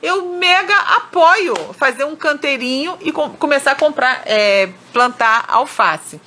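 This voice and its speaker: A woman's voice: sits high, lively intonation, a little slow, pushed and bright, a little hiss or hum. A middle-aged woman from Brazil giving casual motivational advice about money and relationships, talking chattily and acting out the people she quotes.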